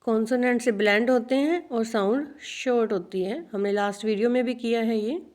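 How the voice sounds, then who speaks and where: An English teacher with a slightly high voice and a darkish tone gives a video lesson at a slow pace. She repeats words slowly and speaks to her students as children.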